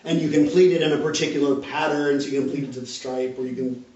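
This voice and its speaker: A man's voice: a little high, steady tone, quick pace, warm tone, slight background noise. Man explaining patiently in a roomy hall. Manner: explains patiently, often checks with "right?". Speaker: rector leading a parish Q&A. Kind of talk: casual group discussion. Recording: roomy, distant, dull audio.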